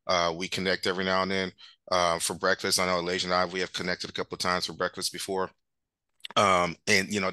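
A man's voice: low-pitched, pushed and bright, dry recording. A man hosting a webinar over a video call, rambling loosely with many fillers. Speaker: webinar host. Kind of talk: casual webinar talk.

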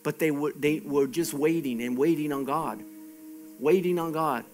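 A man's voice: a little high, moderate pace, darkish tone, faint music behind. A man preaching a sermon as pastor, emphatic and exhorting, often repeating his phrases.

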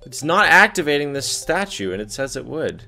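A man's voice: fairly high pitch, very animated, moderate pace, vocal fry, bright, forceful tone, soft background music. A man chatting casually while playing a co-op game, teasing his partner and a bit unsure of himself. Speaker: gaming co-host. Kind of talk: casual gaming chat.

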